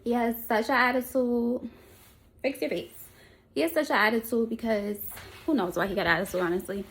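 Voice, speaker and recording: A woman's voice: a little high, fast, fairly bright tone, a little hiss or hum, rough recording. A young woman from Queens, New York, with a New York accent, chatting in a rambling, casual way as she vlogs her errands. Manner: chatty and rambling, talks straight to her followers. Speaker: vlogger. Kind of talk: casual shop-along vlog.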